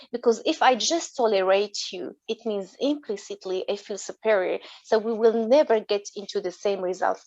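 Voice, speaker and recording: A woman's voice: on the high side, dry recording. French-accented woman, muffled call audio. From Morocco. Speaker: webinar guest. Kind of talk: earnest panel talk.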